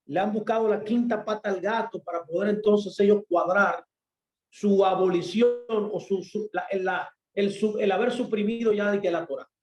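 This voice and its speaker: A man preaching a sermon with a rather high voice that rings through an echoey room. He speaks emphatically and often asks himself questions that he then answers. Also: steady tone, moderate pace, lo-fi sound.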